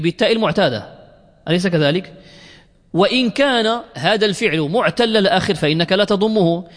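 A man teaching a class, explaining verses line by line, questioning his students and drilling examples. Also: high voice. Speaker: teacher of Arabic morphology. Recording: long hall reverb.

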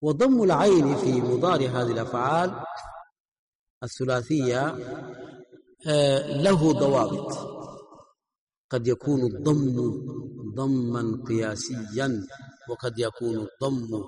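A male teacher works through a classical grammar text line by line. He echoes each passage the student reads and then explains it in an even voice at a middle pitch. Crowd noise is heard in the background of the recording. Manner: repeats each read phrase, then explains it slowly.

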